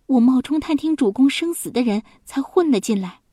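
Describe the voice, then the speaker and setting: A woman plays a loyal young palace maid in a storybook tale. Her voice sits higher and lifts with urgency. She speaks quickly and earnestly, with a slight huskiness. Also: expressive, dark tone, no echo, clean studio sound. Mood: urgent. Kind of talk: children's story narration.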